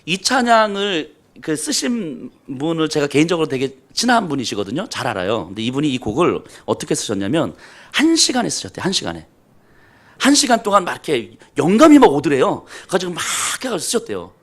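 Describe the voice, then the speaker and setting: A man's voice: on the high side, wildly swooping pitch, a little fast. A man pastor preaching a sermon, telling self-deprecating stories with humor.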